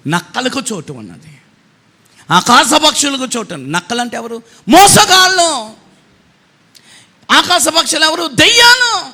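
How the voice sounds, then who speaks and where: A man preaching a sermon as pastor, swinging from quiet asides to shouted refrains. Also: high voice, in a large hall.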